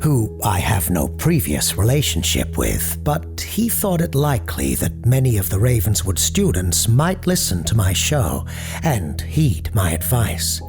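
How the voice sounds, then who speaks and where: A man with a creaky, mid-range voice plays a grave, courteous parapsychologist who hosts a late-night paranormal radio program in an audio drama. He speaks formally, with ominous understatement.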